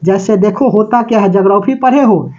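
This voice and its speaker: With a high-pitched, darkish voice and a brisk pace, this male teacher lectures chattily to his class, dropping English terms into his Hindi, often making sure students keep up, and occasionally singing bits of songs. The audio is dull.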